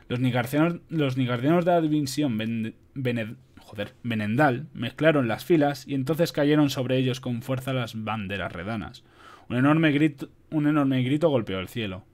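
Reader, casual audiobook narration with cheeky asides, home mic. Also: male voice, medium pitch, normal speed, darkish tone. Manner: casual, swears, adds asides. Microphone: home microphone.

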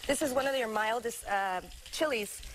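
A woman's voice: on the high side, normal speed, slight background noise, rough recording. A woman in her thirties, a guest chef, talking through a live cooking demo on a TV studio set. She is chatty and hesitant, with many fillers and restarts. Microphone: lapel mic.

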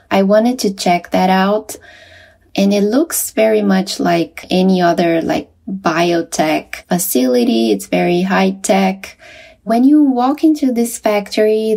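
Slow-talking woman journalist, chatty. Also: medium pitch, warm tone. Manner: chatty, laughs lightly, restarts words. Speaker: science journalist reporting from a visit. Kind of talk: conversational podcast interview.

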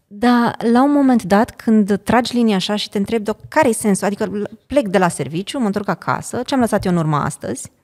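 A woman's voice: mid-range voice, few pauses. A middle-aged woman from Romania, a podcast guest, telling stories in a casual chat and often checking in with her listener. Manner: animated storyteller, often asks "știi?".

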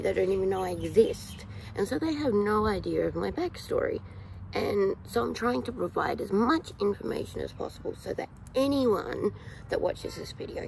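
Australian woman, 30s, vlogging outdoors on a phone held low; rambling, animated delivery with a gravelly fry. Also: a little hiss or hum, poor audio. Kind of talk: casual talk to camera. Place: outdoors in a yard, in shade. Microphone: phone camera held low at arm's length.

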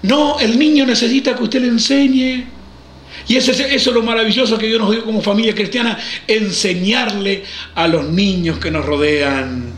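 A male preacher delivers an emphatic sermon in a high, bright voice. He acts out the people he quotes, and his voice echoes through a large hall. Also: moderate pace.

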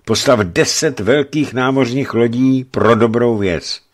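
A man's voice: mid-range voice, voice pushed up, natural voice. A man voicing a stern, commanding old bishop who speaks solemnly.

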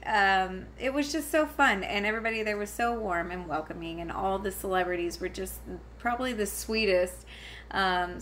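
At home, with her daughter audible somewhere else in the house, a woman vlogger chats casually to camera while reviewing a convention. Her medium-pitched voice has a sharp edge, and she rambles with plenty of fillers, restarts and giggly asides over slight background noise.

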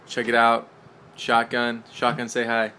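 A man's voice: medium pitch, monotone, a little slow, sharp tone, a little hiss or hum. A young man in a band, joking loosely in a casual studio vlog, recorded inside a clothes closet full of shirts. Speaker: band member.

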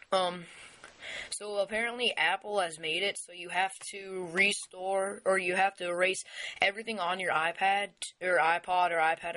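A young man who is losing his voice records a casual screen walkthrough of a phone setup, with the camera looking down at the device on an indoor wooden table. His voice sits high, sounding pushed and bright, and he rambles through it with many fillers as a tech video maker.

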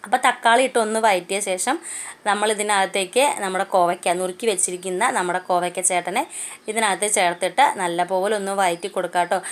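A cooking channel host, a woman with a Malayali accent, talks fast through a home recipe in casual vlog-style narration, chatty and homely, and keeps slipping in friendly "kettō" asides. Her middle-pitched voice has fairly even intonation, captured on a phone in her home kitchen.

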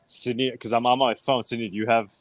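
A middle-aged show correspondent films himself at an indoor grocery store checkout, chatting eagerly to viewers and interviewing the owner in a casual vlog. Excited and laughing as he talks to camera through a wired earphone mic, he speaks fast with a medium pitch on a dry recording.

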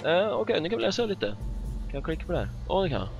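A man giving casual gameplay commentary as a let's play host, excitable and swearing often as he jokes about the game. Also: high-pitched, gravelly. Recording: dull lo-fi recording with faint music.

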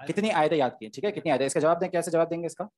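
A man's voice: on the high side, rapid-fire, a little mellow. A man, teaching Arabic grammar in an online class, explaining step by step and often checking "okay?" with his students.

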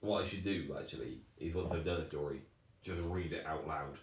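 A man co-hosting a podcast, chatting casually in a quick, joking way. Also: rumbling low. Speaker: podcast co-host. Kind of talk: casual chat. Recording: echoey room, background noise.

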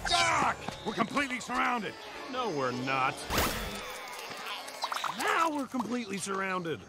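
Dim goofy cartoon monster, high voice, wildly swinging intonation, excitable, naive. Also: male voice, measured pace, over loud music, exaggerated voice. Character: goofy, childlike, dim-witted blob monster. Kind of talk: cartoon character acting.

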